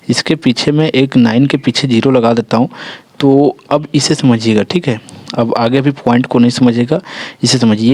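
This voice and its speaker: A male teacher with a Jharkhand Hindi accent walks students through a school maths lesson, pausing often to check they follow. He corrects his own slips as he goes. His mid-pitched voice sounds dry and close, with no room echo. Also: a little mellow. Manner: explains step by step, often checks in with "ठीक है" and "देखिए". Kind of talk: classroom-style maths lesson.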